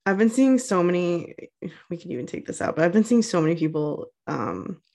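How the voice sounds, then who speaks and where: A woman's voice: fairly low pitch, very animated, fairly quick, vocal fry, darkish tone. A woman in her thirties co-hosting a podcast, chatty and self-deprecating, with lots of ums. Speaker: podcast co-host. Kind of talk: casual chat.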